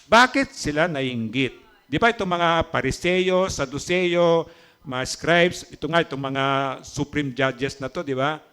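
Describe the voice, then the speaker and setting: A man's voice: a little high, animated, measured pace, a bit bright, clean tone. A man from the Philippines preaching a sermon as pastor, talking in a chatty way and often asking the congregation questions. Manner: conversational, teasing asides to the congregation; switches between Tagalog and English. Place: church.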